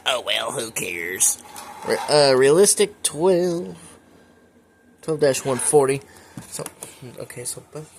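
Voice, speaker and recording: At home, a hobbyist shows off his collection in a casual, folksy narration full of muttered asides. His medium-pitched voice is expressive, slow, and creaky, with long pauses, and the noisy home recording picks up weather radios chattering in the background.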